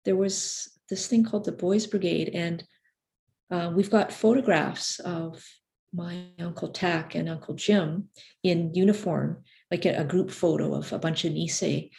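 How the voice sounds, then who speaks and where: Woman casually explaining family stuff, lowish voice, bit gravelly. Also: steady tone, measured pace, darkish tone. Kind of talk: interview recollection.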